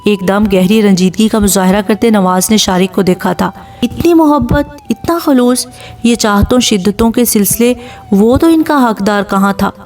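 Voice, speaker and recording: A woman reading a romance audio novel as narrator in a steady, expressive way. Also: mid-range voice. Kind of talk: scripted story narration. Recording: distant mic with faint background music. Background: faint music.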